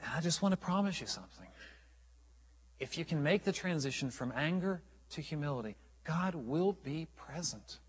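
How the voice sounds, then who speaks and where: A man's voice: on the high side, expressive, normal speed, breathy edge, big-room sound. A man preaching a sermon as a pastor, earnest and emphatic, often restarting his phrases.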